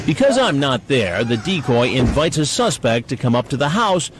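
A man narrating a TV documentary in a calm, measured voice. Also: medium pitch.

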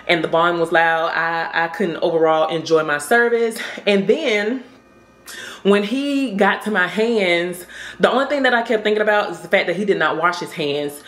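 Chatty woman vlogging in a roomy space. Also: on the low side. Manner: chatty, storytelling, rambling asides. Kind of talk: casual vlog chat. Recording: roomy echo.

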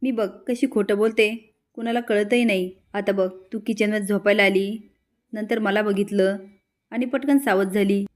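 A woman's voice: mid-range voice, steady tone, close to an everyday voice. A woman voicing a chatty, scheming young sister-in-law who teases and gossips. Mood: teasing. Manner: teasing, gossipy, quick asides.

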